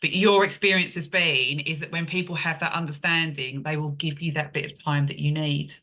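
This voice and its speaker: A woman with a low voice and a bright, forceful tone hosts the interview. She is eager and affirming toward her guest, and she is heard over a remote call. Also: fairly even intonation, a little fast. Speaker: podcast host. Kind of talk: conversational interview.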